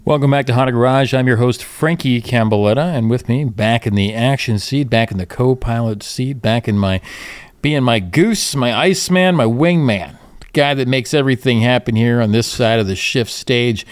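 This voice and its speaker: A man's voice: medium pitch, moderate pace, clear, resonant tone, no room sound, studio quality. A man hosting a show with casual, jokey banter and a chuckling way of talking. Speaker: podcast host.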